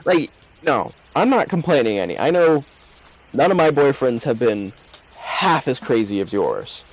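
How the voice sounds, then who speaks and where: A man's voice: mid-range voice, sing-song, measured pace, low-quality recording. A man voicing a flustered, lovelorn young woman who stammers about her dating troubles. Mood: rueful.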